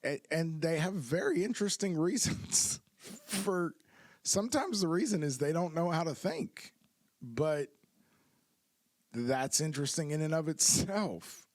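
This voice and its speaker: A man's voice: on the high side, animated, a little slow, no echo. Reflective man in a dry podcast booth. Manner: reflective, easygoing, laughs at times. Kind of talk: casual podcast conversation.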